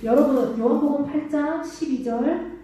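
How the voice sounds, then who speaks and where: A woman's voice: sits high, normal speed, mellow, a little hiss or hum. A woman preaching a children's sermon who asks the kids questions and answers them herself. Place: church sanctuary. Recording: echoey church hall, mic at a distance.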